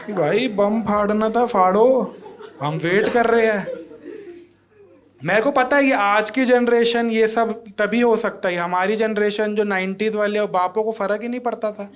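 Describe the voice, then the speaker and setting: A man's voice: high voice, a little slow, a crowd in the background. A man in his thirties performing a stand-up comedy set in a comedy club, teasing the audience and judges and acting out quotes. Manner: acts out quotes in other voices.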